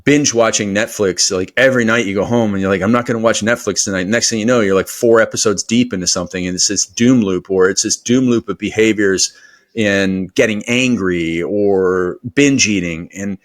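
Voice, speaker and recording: This guest on a podcast, a man who coaches performance, has a fairly low voice and talks at normal speed. His interview answers ramble with many fillers, delivered with energy and a motivational push.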